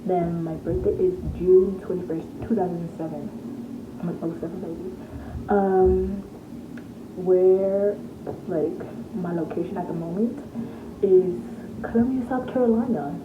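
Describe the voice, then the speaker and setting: A woman's voice: on the low side, fairly even intonation, measured pace. A fifteen-year-old girl from Tennessee, chatting casually as a vlogger, rambling with many fillers. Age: teens, fifteen. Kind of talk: casual get-to-know-me chat. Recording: tinny phone-like sound in an echoey room with noise.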